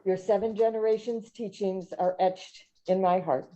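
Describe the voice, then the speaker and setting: A woman's voice: mid-range voice, fairly even intonation, moderate pace, warm tone. A woman judge delivering a formal prepared speech of thanks. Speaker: newly sworn-in judge. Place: courtroom. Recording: dull, muffled sound.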